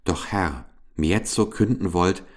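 Ein Mann liest eine sanfte junge Dienerin. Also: male voice, low-pitched, a little slow. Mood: gentle. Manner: soft, gentle, sing-song rhyming speech. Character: gentle young maiden servant, soft-spoken. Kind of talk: storybook reading.

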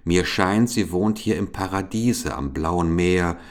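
Ein Mann liest einen neugierigen, gütigen König. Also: male voice, sits low, slow. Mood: eager. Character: kindly, curious traveling king. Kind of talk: storybook reading.

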